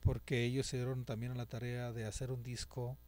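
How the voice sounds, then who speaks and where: A man's voice: mid-range voice, little pitch movement, a little fast, a little mellow. A man hosting a talk show, asking questions eagerly and respectfully and calling his guest "maestro". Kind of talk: casual interview conversation.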